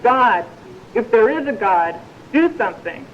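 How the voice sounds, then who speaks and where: Brief: woman doing a frantic man clinging to a branch, voice jumping up high, lo-fi tape. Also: sing-song, a little slow, a little hiss or hum. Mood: desperate. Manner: desperate, pleading. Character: panicked man dangling from a twig.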